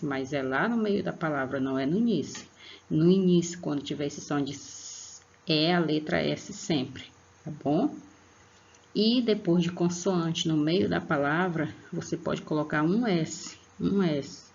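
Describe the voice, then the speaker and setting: Brazilian online teacher, patient, gravelly voice, slow clear examples, lo-fi recording. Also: medium pitch. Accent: Brazilian Portuguese. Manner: patient, checks in with "tá?" after each point; spells out example words slowly. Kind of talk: online spelling lesson. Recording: dull lo-fi recording.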